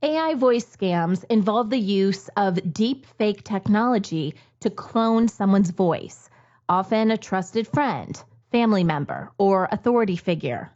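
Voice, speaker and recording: A news anchor with a medium-pitched voice reads a scripted news segment in a steady, measured way. The audio sounds slightly muffled and lo-fi.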